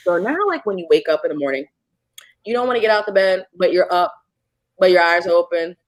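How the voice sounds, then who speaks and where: A woman guest telling a personal ghost story in a casual podcast chat, animated and acting out moments with sudden jumps in pitch. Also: a little fast, no room sound.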